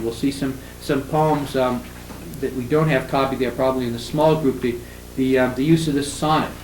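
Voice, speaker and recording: An older man lecturing a class, his voice a bit high and often halting on fillers and restarts. He slows down to read lines of verse with heavy stress. The room is echoey, with a faint hum of ambient noise. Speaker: literature professor.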